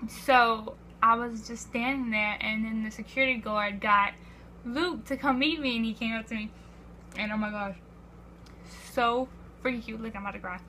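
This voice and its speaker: Teen girl, vlogger, bright tone, slightly high, chatty and breathless, faint hum behind. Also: steady tone, normal speed. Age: teens. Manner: breathless, repeats "I was like", acts out quotes. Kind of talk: excited storytelling vlog.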